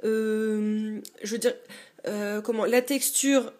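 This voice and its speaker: A woman's voice: medium pitch, fairly even intonation, slow pace, dark tone. A young woman chatting casually about her own collection in a dim bedroom, hesitant and full of fillers. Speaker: beauty vlogger. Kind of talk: casual show-and-tell.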